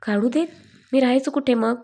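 A woman's voice: sits high, fairly quick, creaky, warm tone. A woman voicing a shy, flustered young bride-to-be in a storybook reading. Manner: flustered, pleading.

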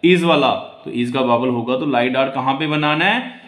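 Shorthand teacher guy, calls out each word high then explains low, sounds like a roomy echoey space. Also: normal speed, a bit bright. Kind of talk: classroom lesson.

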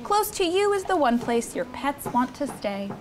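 A young woman hosts a children's story time on an indoor studio set, with kids seated on a rug, reading aloud in an expressive, sing-song way and chatting with them. Her voice sits high at a moderate pace, with a little hiss or hum in the recording.

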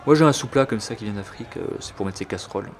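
Crude joking gaming commentator. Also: male voice, lowish voice, very fast. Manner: crude, joking, thinks aloud. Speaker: gameplay commentator. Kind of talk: casual let's-play commentary.

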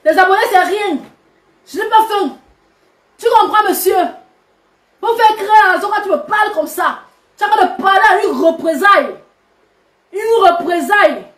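A woman's voice: very high voice, fairly bright tone. A woman, a social media personality, ranting at her subscribers in a scolding, combative and mocking way. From Cameroon. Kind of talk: live video rant. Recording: roomy echo.

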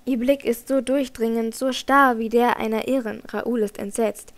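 A woman narrating a classic novel as an audiobook, in measured, dramatic storytelling. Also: fairly high pitch, fairly even intonation. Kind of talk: scripted narration.

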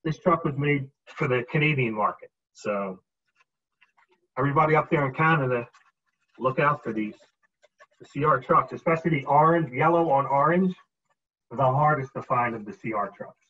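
A husky-voiced man in his forties, medium pitch and moderate pace, presents a relaxed show-and-tell seminar from his dining room, a glass cabinet nearby. Heard through muffled webcam audio on a video call, he holds items up as he explains, with frequent ums.

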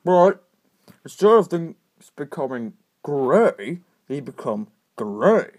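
Brief: toy video performer, husky, halting explainer. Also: medium pitch, big pitch swings, a little mellow. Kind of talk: home-made toy story voicing.

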